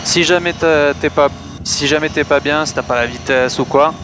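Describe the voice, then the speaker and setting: A man's voice: a little high, moderate pace. Male flight instructor coaching over cockpit noise. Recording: clear aircraft engine noise. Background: aircraft cockpit noise.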